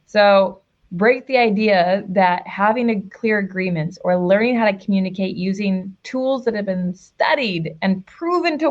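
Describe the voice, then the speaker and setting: A woman's voice: mid-range voice, darkish tone. Direct, emphatic woman coach on lo-fi audio. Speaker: relationship coach and guest. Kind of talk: casual interview talk.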